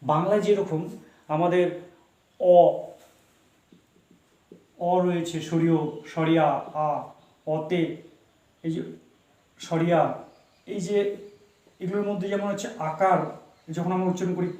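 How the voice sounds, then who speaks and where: A male teacher giving a lesson. He talks slowly, repeats himself and spells words out letter by letter. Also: sits high, steady tone, a little mellow, reverberant. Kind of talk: explaining English basics in Bengali.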